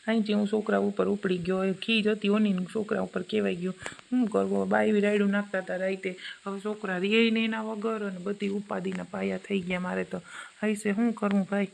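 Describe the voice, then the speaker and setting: A woman playing a weary, gravelly village brother. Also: medium pitch, darkish tone, a little hiss or hum, low-quality recording. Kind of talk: village comedy skit.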